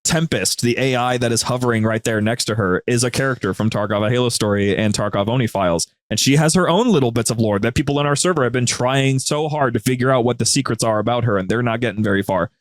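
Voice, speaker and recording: Speaking fast with barely a pause, this man has a mid-range voice captured in a dry recording. He co-hosts a media group's show and appears here as a podcast guest, eagerly explaining things in a casual, story-driven way.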